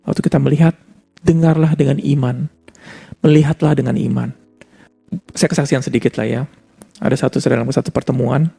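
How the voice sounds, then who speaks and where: A man's voice: medium pitch, creaky, warm tone, slightly rough. A man preaching a conversational sermon with personal testimony, mixing in English words.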